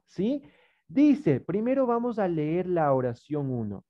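A woman with an Ecuadorian Spanish accent, teaching young children in an online class over a video call, patient and coaxing, with many diminutives. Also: low voice. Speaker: primary school teacher. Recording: muffled video-call audio.

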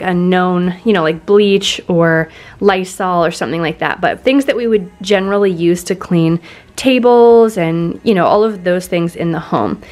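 A young woman vlogging casually at home, chatting to the camera as she explains a cleaning experiment, with relaxed fillers. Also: mid-range voice. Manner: chatty, relaxed, frequent fillers like "you know". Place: living room at home.

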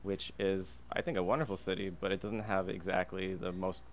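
A freelance illustrator and designer from Alberta, this young Canadian man speaks briskly in a low-pitched, level tone. He's a guest in a casual podcast interview, recorded in a podcast booth inside a diner with clear ambient noise behind him.

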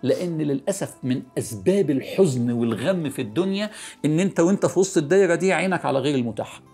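A middle-aged man with an Egyptian accent giving an earnest, coaxing religious talk, repeating words for emphasis and sinking to a soft hush. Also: fairly high pitch, expressive, very fast, soft background music. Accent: Egyptian Arabic. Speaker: preacher.

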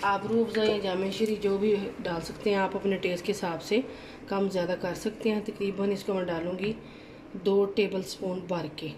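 Her voice is mid-range, steady, and darkish, moving at a moderate pace as this cooking channel host guides viewers through a recipe step by step and keeps asking them to look. She's indoors in her home kitchen, where utensils and dishes clatter amid slight background noise.

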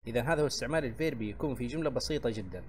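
Guy explaining english grammar, keeps asking tamam?, faint hiss behind him. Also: mid-range voice. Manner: checks in with a frequent "tamam?" and repeats each point slowly; reads English examples slowly, then translates. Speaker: English teacher. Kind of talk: grammar lesson explained in Arabic.

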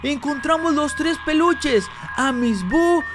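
Man, very high voice, excitable game commentary, yelps and repeats words when scared, faint music behind. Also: takes it slowly. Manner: addresses viewers as "chicos". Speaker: gaming YouTuber. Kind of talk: Let's Play commentary translating game dialogue.

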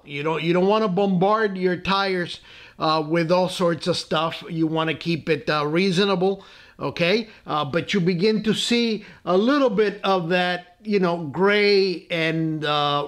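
A man hosting a casual scale-model painting tutorial at his workbench, relaxed and full of "uh" fillers and friendly asides. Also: high voice. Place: tabletop workbench indoors.

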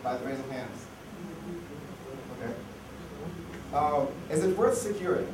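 Speaking at a measured pace, this conference speaker has a voice on the high side and sounds expressive. His casual talk is packed with fillers and restarts, and his voice is giving out. The hall echoes, the mic sits far away, and there is plenty of noise.

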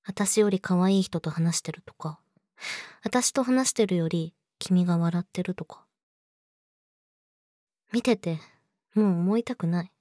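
A woman's voice: fairly low pitch, a little slow, long pauses, mellow, no room sound, studio quality, close to an everyday voice. A woman playing a young, clingy yandere girlfriend in an intimate audio drama, sweet and eerily obsessive, coaxing the listener. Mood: possessive, pleading.

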